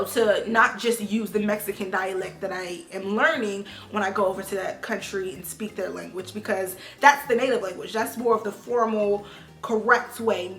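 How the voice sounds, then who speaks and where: A young woman talks casually to her camera in a slangy, animated way. She jumps from loud, emphatic bursts to soft, trailing asides. Her voice sits in the middle of the usual range, and the room is echoey, with faint music playing underneath. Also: medium pitch. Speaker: vlogger.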